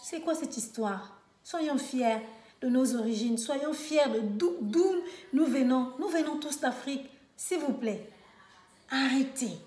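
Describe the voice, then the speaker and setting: A woman with a Congolese French accent from Brazzaville speaks with a high voice. She scolds her listeners and fires off rhetorical questions. The room around her echoes. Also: lively intonation, takes it slowly, darkish tone, faint music behind. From Republic of the Congo. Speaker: vlogger. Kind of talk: impassioned direct-to-camera monologue.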